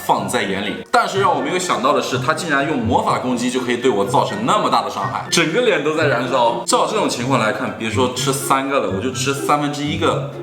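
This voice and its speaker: A man's voice: mid-range voice, animated, fast talker, few pauses. A man hosting a food challenge vlog, talking casually to viewers with playful, mock-dramatic exaggeration. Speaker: food challenge vlogger and host. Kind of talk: casual video narration to viewers. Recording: roomy sound with music behind.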